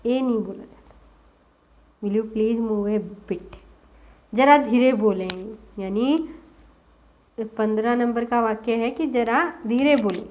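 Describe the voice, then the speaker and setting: A woman teaching a spoken English lesson. She asks the class questions and repeats each English sentence slowly, word by word. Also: on the high side, a little mellow, a little hiss or hum, low-quality recording.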